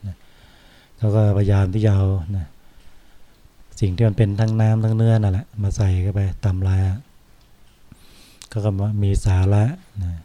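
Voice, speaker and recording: An older male monk speaks slowly and reflectively, as if teaching a small gathering. His voice is low and very dark. His pitch stays level and even. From Thailand. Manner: unhurried, reflective, often ends phrases with a soft "na". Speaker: Buddhist monk giving a Dhamma talk. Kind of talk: informal Dhamma talk.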